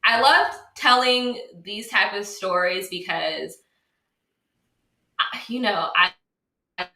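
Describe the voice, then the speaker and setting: A woman hosting a casual chat, effusive and quick to laugh. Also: mid-range voice. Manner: warm, effusive, laughs easily. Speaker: podcast host. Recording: roomy sound from off mic.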